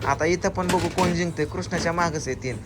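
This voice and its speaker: A man's voice: on the high side, fast. Man cheering on a food race over street noise. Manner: urges and teases, counts out scores. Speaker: vlogger running a family food challenge. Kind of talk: casual excited commentary.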